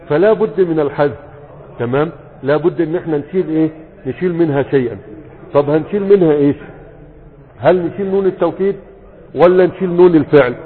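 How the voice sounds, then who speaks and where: A man with an Egyptian Arabic accent gives a lesson on grammar, and his voice sits slightly high with some husk in it. He quizzes the listeners and then answers his own questions, lingering over each example word. The recording is tinny and narrow, and long reverb rings behind him as if in a large hall. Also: husky. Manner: asks questions and answers them himself, drawls example words slowly. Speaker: sheikh teaching Arabic morphology. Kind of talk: classroom lesson. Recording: phone-like sound with long reverb.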